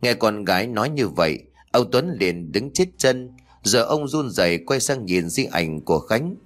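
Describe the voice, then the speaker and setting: A man reading a scripted horror story aloud in a slow, dramatic way. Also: on the low side, big pitch swings.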